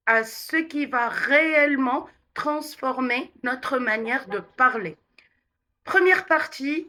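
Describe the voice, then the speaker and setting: A woman with a Tunisian accent, teaching French pronunciation and articulating words slowly and deliberately. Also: high voice, pushed and bright. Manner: slow, deliberate articulation, exaggerated vowels in drills. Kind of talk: online pronunciation lesson.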